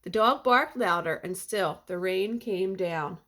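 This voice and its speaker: A woman reading a picture book aloud to young children like a teacher, with a deliberate, expressive delivery that slows for refrains. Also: medium pitch.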